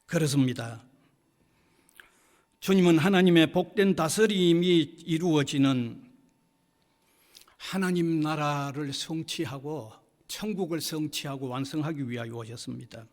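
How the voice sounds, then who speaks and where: A man with a high, ringing voice delivers a sermon in a church sanctuary, pressing his points by saying key phrases twice. His words trail off into a long hall reverb. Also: unhurried, darkish tone. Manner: emphatic preaching, repeating key phrases. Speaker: pastor.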